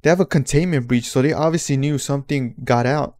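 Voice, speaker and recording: Man, reaction host, mid-pitched, animated slangy ranting. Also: fast. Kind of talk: casual reaction commentary.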